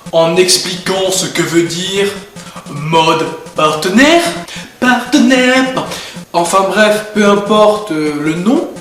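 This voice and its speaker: Young male vlogger, high-pitched, rambling and goofy, echoey room with faint music. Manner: goofy, rambling, jumping from topic to topic; bursts loud at times. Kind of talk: rambling comedic vlog.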